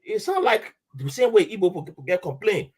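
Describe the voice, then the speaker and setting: His voice sits high and slightly rough, at a normal speed. A Nigerian-accented man on a podcast, he relates a story casually and with energy, blending in Nigerian Pidgin and acting out others' voices.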